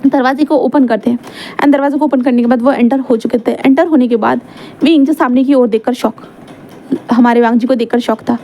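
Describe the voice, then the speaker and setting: A woman's voice: on the high side, steady tone, fairly quick, lo-fi sound, slight background noise. A woman telling a fan-fiction story in a casual, chatty way, correcting herself as she goes.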